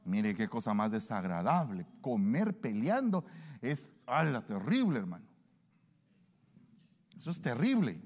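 Male preacher, fairly high voice with lively swings, big hall echo. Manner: animated, acts out everyday dialogues. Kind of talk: sermon. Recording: long hall reverb.

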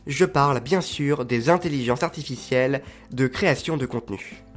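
A man's voice: mid-range voice, moderate pace, faint music behind. A man hosting a podcast, explaining step by step with frequent fillers. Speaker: podcast host.

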